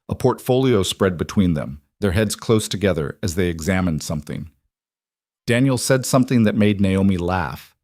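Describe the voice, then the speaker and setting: A man narrates a romance drama in a measured, dramatic storytelling manner. His voice sits low and the recording is close and dry. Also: darkish tone, dry recording. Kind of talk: scripted narration.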